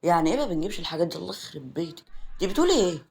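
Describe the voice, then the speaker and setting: A man's voice: sits high, big pitch swings, racing, vocal fry, a little mellow, slightly rough, voice pushed up, heavily acted. A man voicing a shy, nervous young woman in an Egyptian accent, in a read-aloud story.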